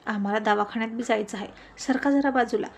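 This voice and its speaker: A woman's voice: fairly high pitch, fast talker, slight background noise, natural voice. A woman doing bossy rustic village girl. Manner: brash and scolding, rough village speech. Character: bold rustic young village woman, bossy and quick-witted.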